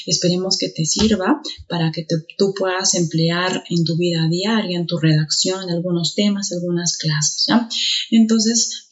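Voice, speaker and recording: A woman teacher gives an online grammar lesson. She explains step by step and keeps checking in with quick tag questions. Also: lowish voice. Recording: dull lo-fi recording.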